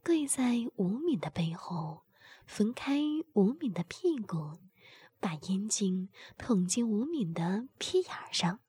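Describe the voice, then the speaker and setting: A woman narrating an adult audio story in a slow, unvoiced whisper, as whispered role-play. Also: mid-range voice, big pitch swings, mellow, slightly rough, no echo.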